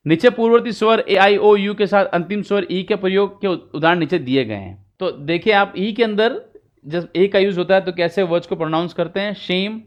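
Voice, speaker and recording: A man with an Indian accent teaching English vowel pronunciation, switching between Hindi and English and drawing out each example word. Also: sits high. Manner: mixes Hindi and English, slow drawn-out example words. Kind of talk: pronunciation lesson.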